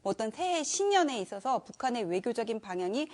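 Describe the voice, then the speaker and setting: A woman's voice: fairly high pitch, sing-song, fast talker, a little mellow. A woman commenting on politics on a panel, explaining assertively in long run-on sentences. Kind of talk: political analysis in a panel discussion.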